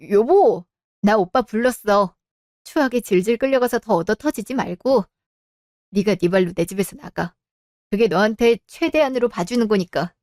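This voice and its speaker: A woman acting in a radio drama, confronting in a sharp, cold way. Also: medium pitch, dry recording, clean studio sound. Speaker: voice actor.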